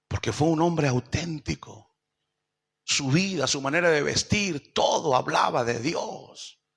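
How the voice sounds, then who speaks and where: A man preaches in a church service, his voice pitched high and edged with gravel. His tone is bright and forceful. He throws rhetorical questions at the congregation and slips into character for quoted lines. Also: animated, unhurried. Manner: acts out quoted speech in shifting voices. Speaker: pastor. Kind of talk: sermon.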